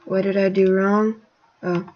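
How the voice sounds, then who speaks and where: Slow rambling woman gamer, lo-fi. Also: mid-range voice. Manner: rambling, with many fillers and sudden excited outbursts. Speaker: gaming channel host. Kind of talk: casual gameplay commentary.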